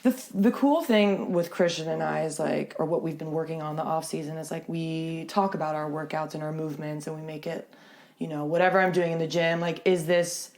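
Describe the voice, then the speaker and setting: A young woman athlete talks about her training as a podcast guest, bubbly and chatty with lots of fillers and easy laughter. Her voice sits low for a woman. The talk is loose and conversational. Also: steady tone, a little fast, darkish tone. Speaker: pro beach volleyball player, podcast guest. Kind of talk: casual podcast interview.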